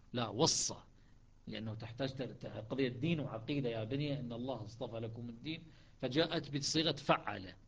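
A man's voice: mid-range voice, fairly bright tone. Man teaching a class, muffled recording. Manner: explanatory, repeats words and checks students understand. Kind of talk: classroom lesson on Quran recitations.

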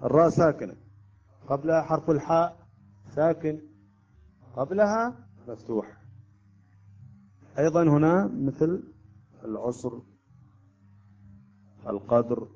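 Male Quran teacher; mellow voice, patient explanations, asks students questions; dull lo-fi recording. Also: on the high side, animated, vocal fry. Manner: explains slowly, chants examples in drawn-out recitation. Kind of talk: tajweed lesson.

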